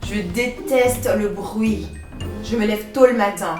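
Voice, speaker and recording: A woman's voice: mid-range voice, slow pace, a little mellow, reverberant, recorded from a distance, soft background music, natural voice. An actress playing a prim, fussy young woman who lectures her new roommate about noise and manners. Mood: lecturing. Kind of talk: web series acting.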